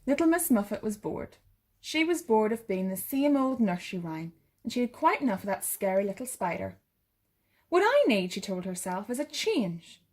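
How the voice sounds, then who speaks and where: A woman narrating a bedtime story for children in a gentle sleep-story manner. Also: mid-range voice, animated, brisk. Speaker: bedtime story reader for a primary school.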